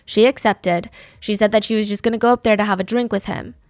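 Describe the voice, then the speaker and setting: A woman's voice: medium pitch, fairly even intonation, fast talker, darkish tone, dry recording, clean studio sound. Woman telling a true crime story. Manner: conversational, dramatizes quotes with shifting voices.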